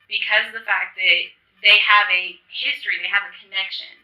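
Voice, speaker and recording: Bright-voiced woman author in an echoey hall. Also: mid-range voice, steady tone, recorded from a distance. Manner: quick, eager explaining. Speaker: author guest. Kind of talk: casual interview chat. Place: convention venue.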